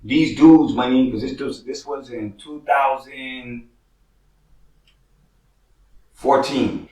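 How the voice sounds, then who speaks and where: A man in his forties from Northern California tells his own street stories in a streetwise, slangy way, with a middle-pitched voice. He keeps slipping in "money" and "you feel me" as he talks. He sounds a little distant from the mic, in an echoey room. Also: slow, dark tone. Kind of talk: casual storytelling to camera.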